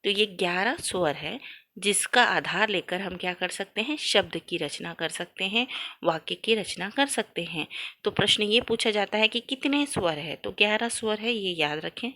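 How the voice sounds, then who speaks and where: A woman's voice: mid-range voice, animated, moderate pace, bright, forceful tone. A woman teaching a grammar lesson, posing questions to her students and answering them herself, and stretching out sounds to demonstrate them. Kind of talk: classroom-style lesson.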